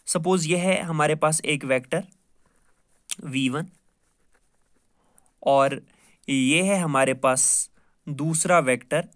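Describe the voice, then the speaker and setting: A male math teacher gives a recorded lecture, patiently repeating each point, posing questions to himself and answering them, and mixing in English math terms. His voice is a little high, slow and fairly bright, with long pauses.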